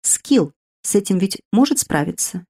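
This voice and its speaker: A woman's voice: medium pitch, very animated, a little slow, mellow. A woman voicing a good-natured, firm young man who is a bear shifter.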